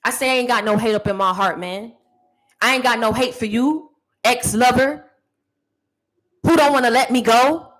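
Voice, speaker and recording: High-ish voiced woman doing a sassy motivational rant at the camera, calling out haters. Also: moderate pace, pauses often, poor audio. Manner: sassy, preachy, addresses critics directly. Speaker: motivational speaker.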